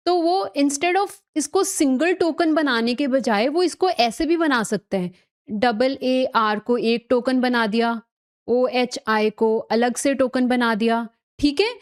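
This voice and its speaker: A woman with a high voice teaches a recorded tech lecture, walking through it step by step, mixing in English technical terms and regularly checking that her listeners are following.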